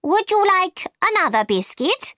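The Red Queen, as a woman reads her, high and bossy. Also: very animated, measured pace, pushed and bright, dry recording, studio quality, full character voice. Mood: instructive. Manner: imperious, urging, instructive. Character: bossy, brisk adult queen, commanding. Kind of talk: storybook reading.

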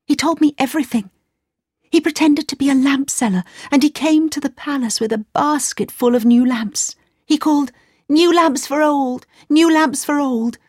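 A woman as a gentle, animated princess. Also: high voice, moderate pace, no room sound, clean studio sound, voice pushed up, lightly acted. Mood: telling. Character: gentle young princess, loving.

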